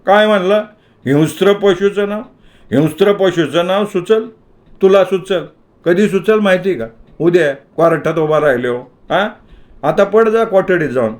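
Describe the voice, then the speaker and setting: A man's voice: sits high, normal speed, pitched above the performer's own voice, lightly acted. A man doing a sarcastic older police constable. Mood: mocking. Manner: sarcastic, dismissive orders. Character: older male police constable, gruff and mocking.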